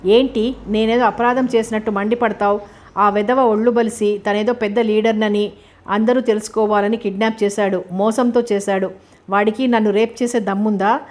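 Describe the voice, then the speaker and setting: A woman voicing a fiery, defiant young woman who answers in sharp, indignant outbursts, in a storybook reading. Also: medium pitch, fairly even intonation, normal speed, natural voice. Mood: furious.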